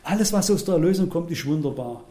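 Blunt, self-mocking male preacher, high voice, roomy hall sound. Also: lively intonation, fast talker. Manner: blunt, self-mocking, shifts between loud emphatic lines and quiet asides. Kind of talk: sermon.

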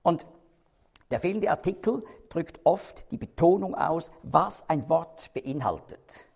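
A man's voice: fairly high pitch, animated, slow, gravelly, a little mellow, husky. A man teaching a Bible study, explaining carefully, stressing key words and checking in with his listeners.

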